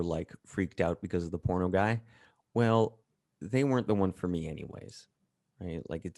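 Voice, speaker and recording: A man talking as an interview guest, blunt and profane, telling animated stories in a casual chat. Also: low voice, no room sound, clean studio sound.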